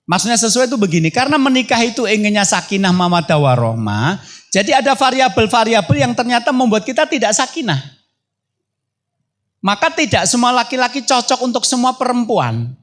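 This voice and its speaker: A middle-aged man giving a religious lecture as a preacher, talking in a lively way with wide swings in pitch. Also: brisk. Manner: lively, swings pitch widely, mixes in Javanese phrases. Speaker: Islamic preacher.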